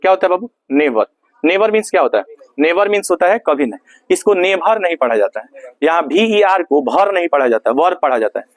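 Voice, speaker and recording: Bihari guy teaching grammar, kinda high voice, dry close sound, keeps repeating himself. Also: big pitch swings, fast talker, no echo. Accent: Bihari Hindi. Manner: asks questions and answers them himself, repeats key words. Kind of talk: classroom grammar lesson.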